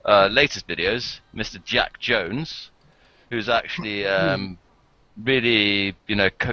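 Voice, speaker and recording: Bright-voiced rambling English man on a call. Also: lowish voice, slow, no room sound. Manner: rambling, laughing often, many fillers. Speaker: channel host. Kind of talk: casual group video call. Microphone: video call. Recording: dull lo-fi call audio.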